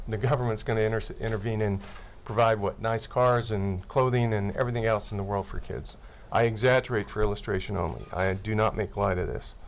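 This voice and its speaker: Speaking into a table microphone, a sixty-something attorney gives formal, methodical testimony to a legislative committee, earnestly reading out legal language. His voice is on the low side, and there is a little hiss or hum.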